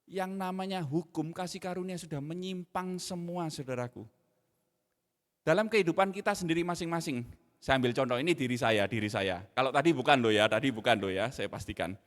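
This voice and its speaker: A middle-aged man preaching a sermon in an animated way, dropping in slang. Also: a little high, brisk. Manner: animated, mixes in Javanese slang, acts out his own scolding. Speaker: pastor. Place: church hall. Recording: long hall reverb.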